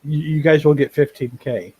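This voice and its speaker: A man with a fairly high voice runs a tabletop game, rambling and circling back over his words as he rants. The recording is dry and close, with almost no room sound. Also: steady tone, normal speed, warm tone, husky, no room sound. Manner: rambling, repeats words while building a rant. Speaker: game master. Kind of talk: running a tabletop game, casual chat.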